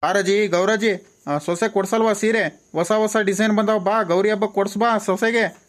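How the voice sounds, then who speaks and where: A pushy travelling sari seller, played by a man, coaxes his customers with a steady stream of sales patter. His voice sits a little high, and he speaks. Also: moderate pace, natural voice. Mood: coaxing.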